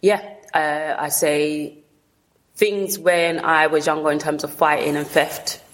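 A woman with a low voice and a south London accent speaks candidly as an interview guest. She talks colloquially, in short bursts, often rewording as she goes. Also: fairly even intonation, slow pace. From south London, England. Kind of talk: candid personal storytelling in an interview.

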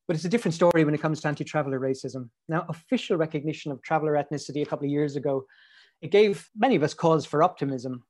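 A man interviewing in a measured, earnest way, with formal, prepared phrasing. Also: on the high side, darkish tone, slight background noise. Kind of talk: prepared interview questions and remarks.

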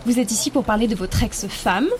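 A woman improvising a comedy scene, brisk and talking over the others. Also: a little high, crowd noise.

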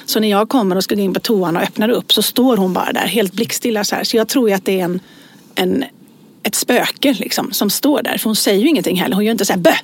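A woman's voice: medium pitch, husky. A woman in her forties telling anecdotes in casual chat, acting out voices as she tells them. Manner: animated storyteller, acts out voices in anecdotes. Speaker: podcast co-host.

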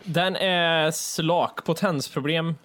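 A man with a Gothenburg Swedish accent, chatting in a dry, deliberate, deadpan way on a podcast. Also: fairly high pitch. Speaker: podcast co-host. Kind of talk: casual podcast banter.

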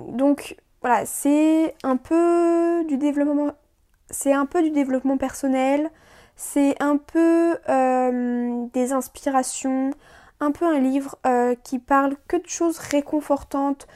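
Chatty high-voiced woman podcaster. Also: mellow. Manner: chatty, many fillers and restarts. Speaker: podcast host. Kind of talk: casual solo podcast chat.

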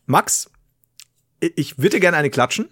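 Husky, lively male podcast co-host. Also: on the high side, unhurried. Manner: laughs often, playful explaining. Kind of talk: casual chat.

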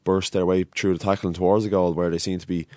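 A man's voice: low-pitched, little pitch movement, fast, darkish tone, no room sound, studio quality. A man with an Irish accent giving unscripted sports analysis as a pundit.

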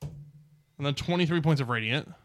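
A man's voice: fairly high pitch, normal speed, fairly bright tone, soft background music. A man acting as game master in a tabletop game, tallying dice rolls in a casual, laid-back way.

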